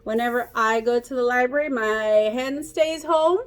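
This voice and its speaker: A woman's slightly high voice moves at a normal speed as she reads a picture book to children in a teacherly way. She is playful and animated, urging the little ones to join in.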